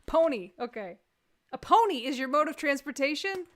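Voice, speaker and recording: A loud crowd can be heard as a Texan-accented woman hosts a live stream, chatting and joking casually in rambling asides. She speaks at a normal speed in a high-pitched, animated voice.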